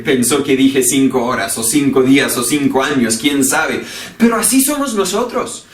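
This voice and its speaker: A man's voice: on the high side, recorded from a distance. Man preaching in an echoey church. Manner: earnest, repeats key phrases for emphasis. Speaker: pastor. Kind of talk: sermon. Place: church sanctuary.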